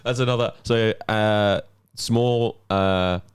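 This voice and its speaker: A man's voice: fairly low pitch, fairly even intonation, slow pace, smooth. A man co-hosting a podcast in loose, joking banter. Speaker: podcast co-host. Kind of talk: casual podcast chat.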